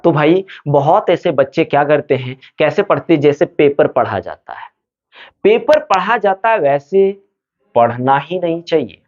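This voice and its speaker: A man's voice: fairly high pitch, expressive, a little slow, a little mellow, lo-fi sound. A man giving motivational study advice to students, asking questions and answering them himself.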